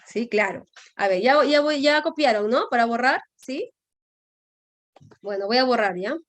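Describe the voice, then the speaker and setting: A woman's voice: a little high, expressive, a little slow, no echo. A woman teaching a grammar class, explaining patiently and checking often with her students. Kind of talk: online class lecture.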